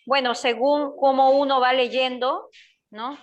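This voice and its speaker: A woman's voice: high voice, fairly even intonation, slow pace, highs cut off. Hesitant woman student answering in class. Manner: hesitant, tags phrases with "¿no?". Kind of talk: answering a teacher's question.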